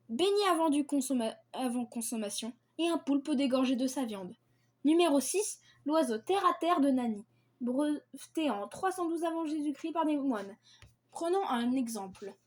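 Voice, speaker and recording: A woman's voice: high-pitched, darkish tone. A woman presenting a list of dishes in a read-aloud style, repeating the same set phrases and stumbling now and then. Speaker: video creator presenting invented dishes.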